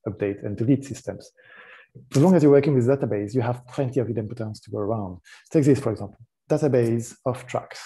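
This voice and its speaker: A man with a French accent giving a technical conference talk. His voice is mellow and dark, and he explains in a relaxed way, often pausing on "um" and restarting his sentences. French is his first language. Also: medium pitch. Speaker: conference speaker.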